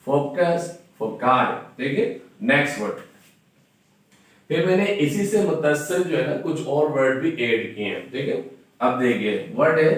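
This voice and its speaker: A man teaches English grammar at an unhurried pace, spelling words out letter by letter. He keeps checking that the viewer follows. His voice rings through a very echoey room from some distance off the mic. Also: mid-range voice. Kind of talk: classroom-style grammar lesson.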